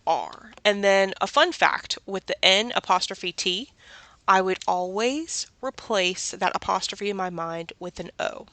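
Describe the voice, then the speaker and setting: Southern woman teacher, unhurried and patient, quizzing kids on words, bright tone. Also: medium pitch, dry recording. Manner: slow, patient, asks questions and answers them. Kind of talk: children's literacy lesson.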